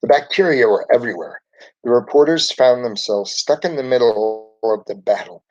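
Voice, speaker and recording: A man reading a children's picture book aloud in a steady narrating voice. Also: medium pitch, normal speed, highs cut off. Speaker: storybook reader.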